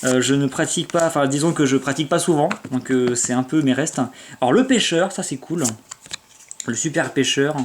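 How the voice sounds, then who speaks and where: A man chatting casually and with enthusiasm while opening card packs, full of fillers and restarts, reading out foreign card names slowly. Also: mid-range voice, a little hiss or hum.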